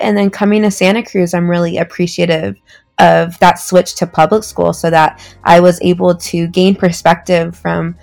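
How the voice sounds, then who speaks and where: Speaking in a lowish, creaky and slightly mellow voice, a young adult podcast guest from Orange County in Southern California shares her story. Her casual interview chat is friendly and relaxed, filled with "like."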